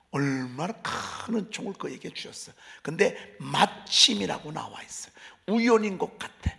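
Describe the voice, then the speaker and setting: In a church sanctuary, a middle-aged male pastor delivers a conversational dawn sermon, questioning the congregation and falling from loud emphasis to near whisper. His voice sits high and sounds creaky.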